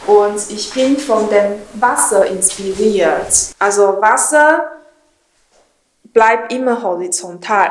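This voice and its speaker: A woman in her thirties from Taiwan, a ceramic designer explaining her work in careful, halting German with many fillers. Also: medium pitch. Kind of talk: studio tour explanation. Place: indoor ceramics studio, small room. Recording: roomy studio echo.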